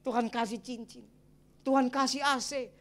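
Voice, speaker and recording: A middle-aged man, a pastor, preaching a sermon and telling his own story in a lively way with exclamations and chuckles. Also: extremely high pitch, normal speed. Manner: addresses the congregation as brothers and sisters. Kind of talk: sermon with personal testimony.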